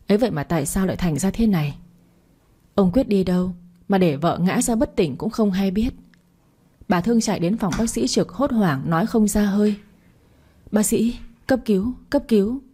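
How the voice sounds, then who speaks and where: A woman narrating a scripted audio story in a dramatic, measured way. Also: medium pitch, dark tone, slightly rough.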